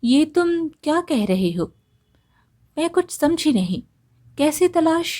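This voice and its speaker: A woman voicing a brave, poor young village woman who talks in sharp, indignant questions. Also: on the high side, expressive, unhurried. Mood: startled, questioning.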